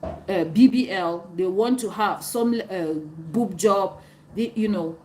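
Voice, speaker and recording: A woman's voice: medium pitch, slow, dark tone, a little hiss or hum, low-quality recording. A woman from Cameroon with a Cameroonian accent, streaming live and answering viewer comments in an emphatic, repetitive, preachy way. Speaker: livestreamer.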